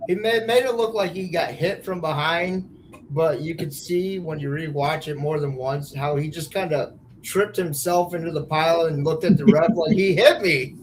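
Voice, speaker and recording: A man's voice: a little high, moderate pace, a crowd in the background, rough recording. A man hosting a podcast, chatting casually and putting fan questions to a guest. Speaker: podcast host.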